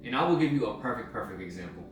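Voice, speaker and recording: A man's voice: on the low side, lively intonation, racing. Young man, blunt street-slang talker, very roomy echo, heard from a distance. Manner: blunt, slangy, swears freely. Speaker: self-help vlogger. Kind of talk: casual motivational monologue. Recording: very echoey room, mic at a distance, music behind.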